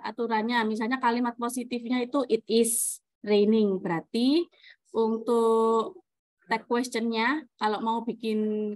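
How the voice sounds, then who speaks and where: A woman's voice: a little high, no echo. Chatty woman teaching grammar online. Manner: chatty, laughs often, asks and answers own questions. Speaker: English teacher. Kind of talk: online class explaining grammar. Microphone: video call.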